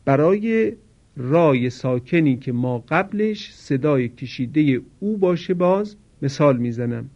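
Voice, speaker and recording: A man teaching Quran recitation in a formal broadcast lesson. He explains each rule slowly, carefully and politely, and repeats it. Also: fairly high pitch, animated, darkish tone, lo-fi sound.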